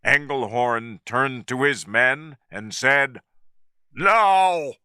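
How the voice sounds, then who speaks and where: A man reading a story slowly and clearly for English learners. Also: medium pitch, animated, bright, forceful tone, no room sound, clean studio sound. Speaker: narrator.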